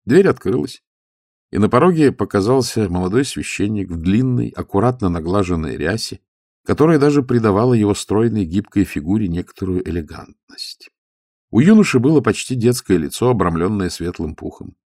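A man reading a story aloud in steady scripted narration. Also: on the low side, fairly quick, dry recording, studio quality. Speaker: audiobook narrator.

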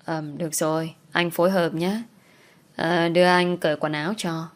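A cool, teasing husband speaks calmly and lightly in a storybook romance, as a woman narrator puts him on. He stays unbothered and slightly mocking. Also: fairly low pitch, normal speed, natural voice.

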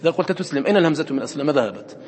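A man's voice: a little high, animated, rapid-fire, a little mellow, in a large hall. A man teaching a class on recitation, repeating words aloud and quizzing his students with questions.

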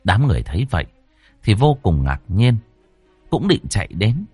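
Husky male ghost-story narrator. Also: lowish voice, sing-song, moderate pace, a little mellow, no echo, faint music behind. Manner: dramatic, swooping delivery.

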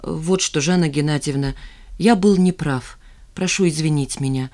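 A prim, touchy bookish man in an audiobook, stiff and indignant in his manner , as the reader plays him. His lines are measured and slow, with a formal edge. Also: medium pitch, a little mellow, lightly acted. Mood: conciliatory.

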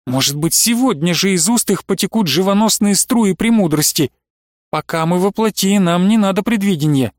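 Male narrator playing a devout young woman, earnest and rapt, high voice, dry close sound. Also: lively intonation, moderate pace, no room sound. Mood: earnest rapturous. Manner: rapturous, quietly earnest.

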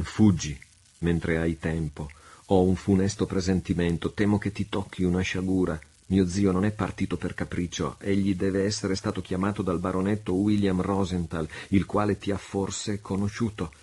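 A man's voice: low-pitched, a little mellow, breathy edge. A man voicing a frightened young noblewoman who urgently begs her lover to flee. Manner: urgent, imploring. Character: pleading young noblewoman in love.

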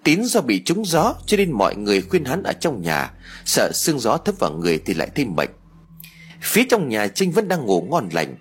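A man narrating a scripted horror story in an expressive, dramatic reading. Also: medium pitch, moderate pace, breathy edge.

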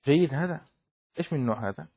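A man's voice: on the high side, lively intonation, fast, gravelly, warm tone, breathy edge. A middle-aged man teaching a class, explaining a text and often asking the students whether they have understood. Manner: keeps checking students understand, asks questions. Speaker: teacher of Islamic law.

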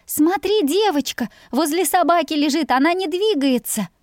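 Storybook child: excitable peasant boy, shrill and shouting, read by a woman. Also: moderate pace, no room sound, clean studio sound. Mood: alarmed.

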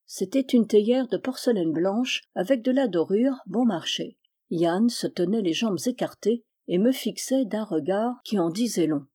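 A woman reading a novel aloud with measured, steady storytelling narration. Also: mid-range voice, breathy edge. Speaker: audiobook reader.

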